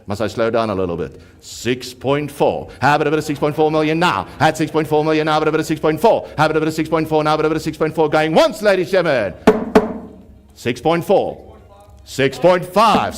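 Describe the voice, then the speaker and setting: A man working as an auctioneer, calling a live auction in a repetitive rapid-fire chant broken by slow, emphatic price calls. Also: on the high side.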